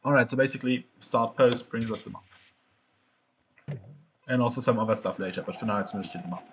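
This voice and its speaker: A man's voice: mid-range voice, a little fast, fairly bright tone. A young man streaming a game, chatting casually and explaining the mechanics with easy laughs. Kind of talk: casual gameplay commentary. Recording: music playing behind.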